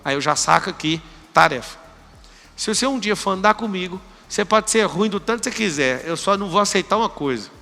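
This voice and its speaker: High-pitched, gravelly Brazilian man on stage. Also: fairly quick, in a large hall. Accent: Brazilian Portuguese. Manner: energetic, commanding, acts out dialogues with students. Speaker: motivational speaker. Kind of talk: live motivational talk. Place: large hall with audience.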